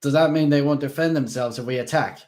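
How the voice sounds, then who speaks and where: A man voicing a proud, fearless vampire prince who speaks forcefully and defiantly. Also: medium pitch, fast talker, voice pushed up, natural voice.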